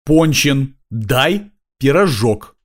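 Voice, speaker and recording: A man's voice: fairly high pitch, sing-song, normal speed, pitched above the performer's own voice. A man voicing a cocky, self-important middle-aged male street cop.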